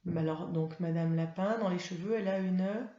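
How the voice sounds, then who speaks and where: A woman's voice: lowish voice, moderate pace, mellow, roomy sound, highs cut off. A woman primary school teacher giving a lesson to young children, patiently spelling out words.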